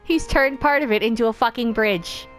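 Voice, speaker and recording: A woman's voice: a little high, moderate pace. Young woman, gamer commentary, profane, exasperated, faint game music underneath. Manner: exasperated, profane, dramatic outbursts. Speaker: let's play gamer. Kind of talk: casual gameplay commentary.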